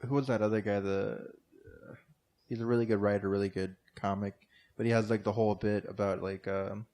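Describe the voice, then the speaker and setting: On a comedy podcast, this American co-host or guest talks fairly quickly in a lowish, darkish voice with flat delivery. His casual chatter wanders, peppered with fillers and false starts.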